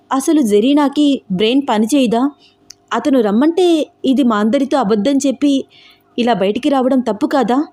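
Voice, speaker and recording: A woman's voice: mid-range voice, dark tone, natural voice. A woman voicing an outspoken, protective young woman in a storybook romance, pressing her questions indignantly.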